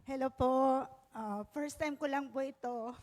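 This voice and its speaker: A woman in her fifties from Pangasinan in the Philippines, telling a personal testimony with lively storytelling and acted-out dialogue. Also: high voice, a little slow. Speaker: testimony giver at a prayer meeting. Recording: long reverb in a large hall.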